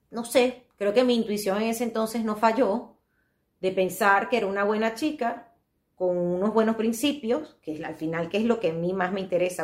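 A woman talking in a casual, reflective monologue, repeating her phrases and addressing her listeners directly. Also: medium pitch. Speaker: podcast host. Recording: roomy echo.

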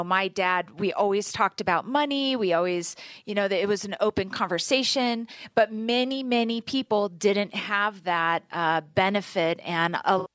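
A woman financial adviser on a panel, chatty and quick to laugh. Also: medium pitch, no echo. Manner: chatty, laughs easily, warm storytelling. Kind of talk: casual panel chat.

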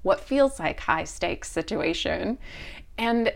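A woman podcast host telling a story in a casual way, acting out both sides of a quarrel with lively energy. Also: fairly low pitch, takes it slowly, vocal fry.

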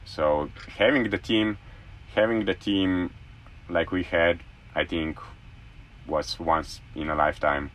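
Deep-voiced young man, enthusiastic and rambling. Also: steady tone, slow pace, fairly bright tone. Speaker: former college athlete. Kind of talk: casual interview chat.

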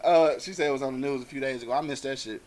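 A man's voice: mid-range voice, racing, crowd noise. Laughing, profane man co-hosting. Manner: loose, profane, laughs often. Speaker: co-host. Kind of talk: casual radio show chat.

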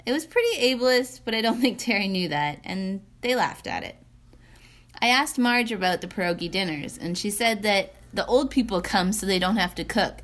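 A woman's voice: medium pitch, a bit bright. A young woman co-hosting a podcast who tells of a dinner outing in a dry, wry way. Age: young adult. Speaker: podcast co-host.

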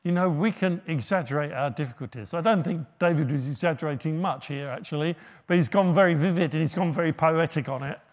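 A man's voice: on the high side, a little fast. A middle-aged man preaching a sermon, humorous and often asking his listeners questions.

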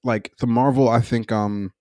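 A young man co-hosting a casual chat show, loose and profane, opinionated and animated as he argues his points. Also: medium pitch, normal speed, dry recording. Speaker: podcast co-host.

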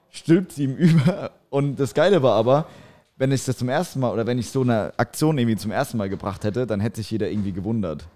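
A man's voice: medium pitch, dark tone. Man, podcast co-host, casual storyteller, laughs often, average voice. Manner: laughing storyteller, crude slang.

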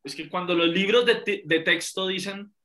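A man's voice: sits high, normal speed, sharp tone. A man with a Colombian accent, explaining political points emphatically as a podcast guest.

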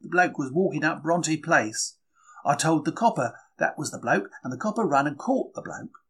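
In a dramatic first-person diary reading, a man gives full character voice to a young working-class 1930s bookseller, chatty and plucky, wry and quick to take things to heart. His fairly high, rough-edged voice is fairly bright, with lively intonation and emphatic, colloquial phrasing. The mood is gleeful and wry.

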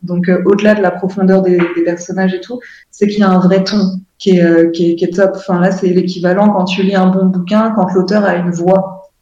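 A woman's voice: on the low side, flat delivery, fairly quick, mellow, reverberant, dull audio. A woman in a casual chat, rambling with enthusiasm and searching for her words. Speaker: guest on a chat show.

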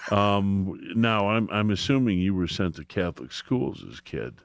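Older-ish guy hosting a podcast, low voice, dry room, jokey stories, cusses a bit. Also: lively intonation, normal speed, no room sound. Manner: anecdotal, joking, salty language. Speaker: podcast host. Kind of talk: casual interview chat.

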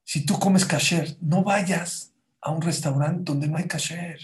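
Emphatic high-voiced rabbi preaching. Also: male voice, fairly even intonation, a little slow. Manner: emphatic, preachy, addresses the audience directly with rhetorical questions; mixes in Hebrew religious terms. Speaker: rabbi teaching a Torah class. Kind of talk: Spanish-language Torah sermon. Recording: roomy echo.

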